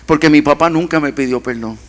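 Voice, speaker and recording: A male pastor preaching a sermon to his congregation, swinging from loud, urgent pleas to hushed, intimate passages, recorded on a stage microphone in a church. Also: on the high side, fairly quick. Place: church hall. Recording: long church-hall reverb.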